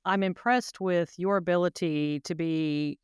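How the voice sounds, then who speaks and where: A woman's voice: lowish voice, steady tone, measured pace, clean tone, no echo, clean studio sound. A woman hosting a podcast interview, effusive and asking long run-on questions. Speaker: podcast host.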